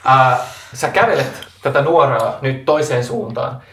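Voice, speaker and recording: A man's voice: medium pitch, a bit bright. A man running a tabletop role-playing game as game master, telling the story dramatically with hesitant fillers. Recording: roomy, distant mic, faint noise.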